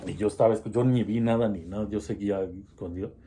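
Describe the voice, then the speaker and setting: A man's voice: lowish voice, steady tone, brisk, warm tone, slightly rough. A man telling a personal horror story in a casual, hesitant way, with many restarts.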